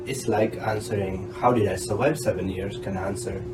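A man in his thirties with an Indian accent, a doctoral graduate appearing as a podcast guest, gives frank and emphatic advice. His voice is fairly low-pitched and steady, at a normal speed. The room is echoey, with a loud music bed behind him.

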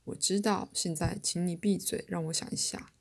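A shaken, grieving woman, as a female narrator plays her snaps short, tense replies. The voice is low with a husky, gravelly edge. It sounds like a reader lightly shading her own voice. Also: fairly even intonation, normal speed.

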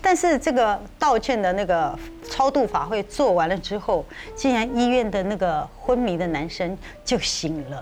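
A woman, co-hosting a podcast and telling a ghost story in an animated, conversational way. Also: medium pitch, normal speed, few pauses, over music. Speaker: podcast co-host.

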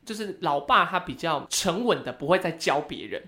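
A podcast co-host telling a family story in casual chat, animated and often laughing. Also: mid-range voice, moderate pace. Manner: animated, laughing storyteller who acts out quoted family members in a raised voice.

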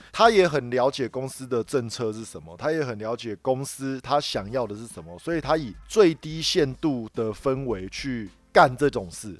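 A man with a Taiwanese Mandarin accent chats on a podcast at a mid-range pitch. He rambles and repeats his words as he talks, and the recording is dry and close. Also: dry recording. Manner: rambling, repeats words while telling a work story. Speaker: podcast co-host. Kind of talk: casual chat.

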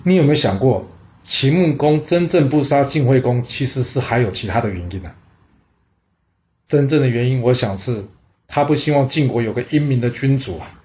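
Male storyteller of mid pitch, chatty and exclaiming, dull lo-fi recording. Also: moderate pace, darkish tone. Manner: chatty, asides to the listener, exclaims "哇". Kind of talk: casual historical storytelling.

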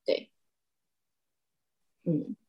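A woman's voice: very slow, highs cut off. A woman, an animal communicator chatting as a podcast guest. She tells stories animatedly, with frequent restarts. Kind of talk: casual podcast chat.

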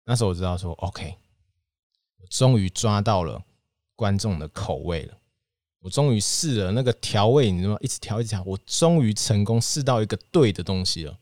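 A young man with a Taiwanese Mandarin accent telling his own story as a podcast host, with animated bursts when he acts out his younger self. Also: on the low side, fairly quick, no room sound. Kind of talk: storytelling monologue.

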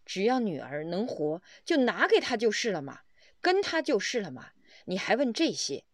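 A woman's voice: mid-range voice, sing-song, normal speed, no room sound, clean studio sound. A woman voicing an impatient old mother who insists on her point in a retold story. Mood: insistent. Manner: pleading, insistent.

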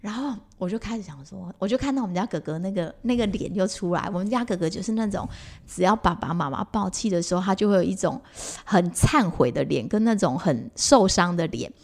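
With a lowish voice and a slightly fast delivery, a mother co-hosts a casual podcast conversation. She shares family memories animatedly, with many fillers and restarts along the way.

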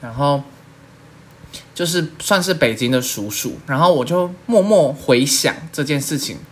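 A woman's voice: sits low, a little slow. A young woman with a Taiwanese Mandarin accent, hosting a casual podcast chat and telling stories with lots of laughter and playful swearing. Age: young adult. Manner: animated storyteller, laughs often, swears playfully. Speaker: podcast host.

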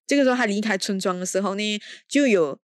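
A woman's voice: medium pitch, fast talker, no echo, clean studio sound. A woman hosting a casual film review podcast. She talks in an exasperated, sarcastic way and drops in English exclamations. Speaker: podcast host.

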